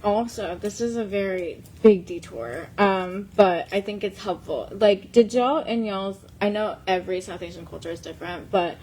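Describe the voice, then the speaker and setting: A woman's voice: medium pitch, normal speed, hardly any pauses, dark tone, slightly rough, poor audio. A woman from Pakistan, a guest advocate in a casual panel chat, telling stories in a chatty way with many fillers.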